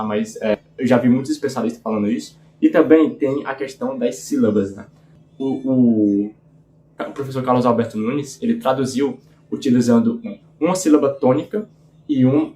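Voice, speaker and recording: A man's voice: mid-range voice, darkish tone, roomy sound. A man hosting a book channel, talking informally and earnestly with lots of filler tags. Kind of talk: casual book review talk.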